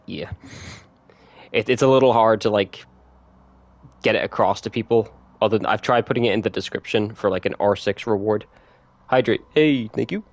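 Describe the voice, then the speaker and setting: A man chatting casually with viewers on a gaming livestream, laid-back and quick to laugh. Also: on the low side, no room sound. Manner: relaxed, chatty, laughs often, reads notes aloud. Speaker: streamer.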